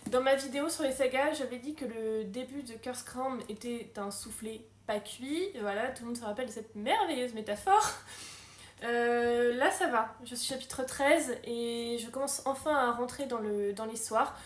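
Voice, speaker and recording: A woman's voice: a little high, normal speed. Chatty young woman, echoey room. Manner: chatty, self-mocking, many fillers. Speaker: book vlogger. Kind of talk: casual reading vlog.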